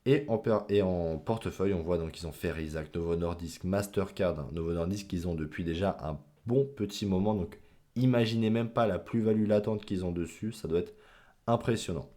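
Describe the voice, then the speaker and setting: A man explains investment charts to his viewers in a loose, conversational tone, full of fillers and small jokes at his own expense. His voice sits a little low and sounds mellow and soft-edged. He comes across as an amateur host rather than a polished presenter. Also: moderate pace. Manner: chatty, filler-heavy, self-mocking asides. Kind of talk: casual screen-share explainer.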